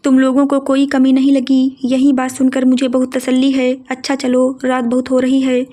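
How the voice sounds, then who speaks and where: An aging father scolding greedy relatives, read by a woman in her own high voice. The delivery is firm and even, with barely any rise or fall. It sits high and stays level throughout. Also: normal speed, natural voice. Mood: weary. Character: stern aging father, wealthy grain merchant.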